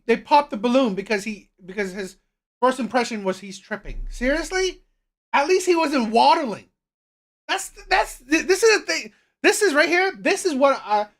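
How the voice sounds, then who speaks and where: A woman giving unscripted opinion commentary in an emphatic, repetitive way with halting restarts. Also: fairly high pitch. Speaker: reaction video commentator.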